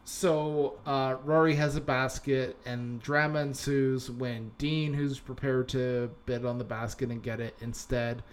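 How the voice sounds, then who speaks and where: A young podcast co-host speaks at a measured pace with few pauses, his medium-pitched delivery flat. The casual chat rambles, with lots of fillers and restarts.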